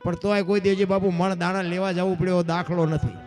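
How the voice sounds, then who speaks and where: A man's voice: high-pitched, flat delivery, fast talker, over music. A man, telling a folk story in dayro style and acting out the voices of its characters.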